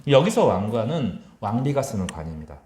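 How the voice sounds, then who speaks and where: A man, a pastor, preaching a sermon in a church, acting out quotes in lively voices and dropping to soft asides. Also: brisk, roomy sound, slight background noise. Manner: animated, acts out mocking voices and quotes; mixes loud rising quotes with soft low asides. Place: church sanctuary.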